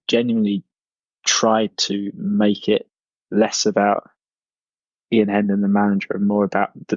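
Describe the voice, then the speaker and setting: A man's voice: on the low side, no room sound. Hesitant man on a dull lo-fi recording. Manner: halting, hesitant with many restarts. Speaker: interviewee, former fan columnist. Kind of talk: recorded interview recollection.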